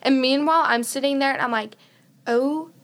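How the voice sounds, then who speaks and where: Young woman guest, slightly high voice, rushes her words, says like constantly. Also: a bit bright. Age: young adult. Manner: fast, says "like" a lot. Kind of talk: casual chat among friends.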